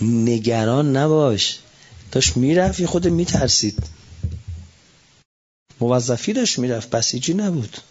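A middle-aged man preaches to listeners in a husky, slightly breathy voice. He is animated, rising to loud emphatic lines and dropping to low, soft asides. The recording is dull and lo-fi. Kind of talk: religious talk to an audience.

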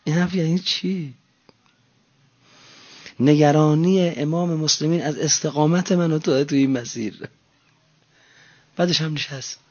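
A man preaching a religious sermon, moving between soft, low talk and loud shouted cries. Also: long pauses. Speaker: cleric preacher. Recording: dull lo-fi recording.

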